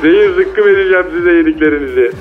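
A man's voice: sits high, quick pace, music in the background. A man voicing a cocky, slangy male mole cricket who speaks over a phone line in a comedy radio sketch. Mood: taunting. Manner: slangy, boastful, taunting street talk. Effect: heard over a phone line.

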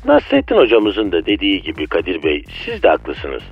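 Give me a man playing bad cholesterol on the phone, a low husky voice swinging wildly in pitch, courteous and mock-philosophical, with dull phone-line sound. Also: huge pitch swings, normal speed, exaggerated voice. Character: bad cholesterol personified as a polite, smooth-talking man. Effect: heard over a phone line. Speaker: phone-in guest. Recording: dull phone-line audio with faint music.

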